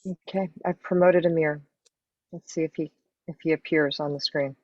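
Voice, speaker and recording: A woman speaks over a video conference call while helping run a public meeting, answering in short, matter-of-fact confirmations. Her pitch stays flat and even, and the call audio sounds dull and lo-fi. There is almost no room sound, so the voice comes through dry and close. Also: normal speed, no echo. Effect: heard over a video conference call. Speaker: meeting co-host managing panelists. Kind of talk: brief procedural replies in a public meeting. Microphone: computer or headset mic on a video call.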